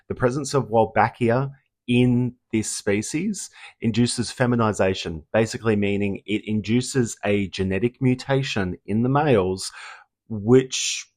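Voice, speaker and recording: A man's voice: medium pitch, dry recording. A man presents an informal, enthusiastic, sweary science explainer into a small handheld mic. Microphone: small handheld mic held close to the mouth.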